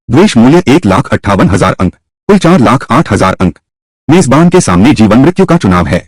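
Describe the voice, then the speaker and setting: A man voicing a Hindi dub of a short drama with a husky, theatrical delivery. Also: fairly low pitch, no echo. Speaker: dub voice actor.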